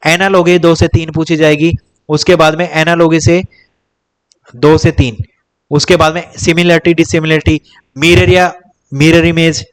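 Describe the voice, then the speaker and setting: A man's voice: a little high, little pitch movement, measured pace, clear, resonant tone. Man coaching for a teaching exam. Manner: repetitive, addresses viewers as "bhai", lists topics and counts. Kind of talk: casual Hindi-English exam coaching lecture.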